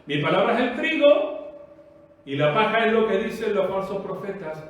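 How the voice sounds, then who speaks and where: A man's voice: high voice, big pitch swings, normal speed, far from the mic. A man from Spain preaching a sermon, emphatic and full of rhetorical questions with repeated, rolling cadences. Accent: Spanish from Spain. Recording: echoey room, voice off-mic.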